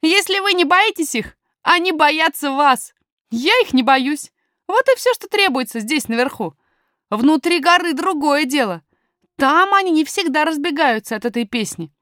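Reading a storybook in a studio-quality recording with no room sound, a woman voices a bold, earnest young miner boy in a firm, matter-of-fact way. Her voice sits high, pitched above her natural register, and is fairly bright with lively intonation at a moderate pace.

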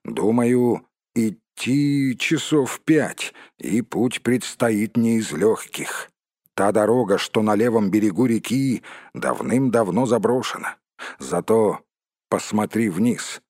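A man voicing an old, wise male dwarf who explains the way in a measured manner, with a husky voice. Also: fairly low pitch, darkish tone, dry recording, studio quality. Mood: explaining.

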